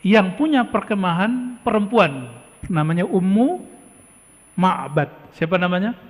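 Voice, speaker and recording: A man's voice: high voice, lively intonation, a little slow. A man preaching, telling a story with rhetorical questions to the audience. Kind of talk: sermon storytelling. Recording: long hall reverb.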